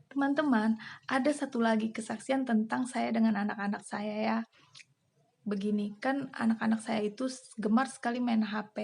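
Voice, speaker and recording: A woman giving an earnest, emotional personal testimony, with many fillers and pauses. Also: fairly high pitch, a little mellow. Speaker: church member giving testimony.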